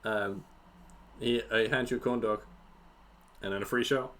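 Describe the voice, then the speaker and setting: A man's voice: fairly low pitch, fairly even intonation, normal speed, a bit bright. Stammering man running a tabletop game. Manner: stammers and repeats words, chuckles often. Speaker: game master.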